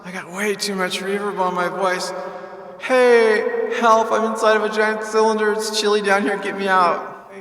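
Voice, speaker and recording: A man's voice: high voice, level tone, moderate pace, fairly bright tone. Joking man drenched in echo-chamber reverb. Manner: joking, rambling, swears casually. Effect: heavy echo-chamber reverb on the voice. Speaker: host of a mock home show. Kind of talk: rambling mock talk show.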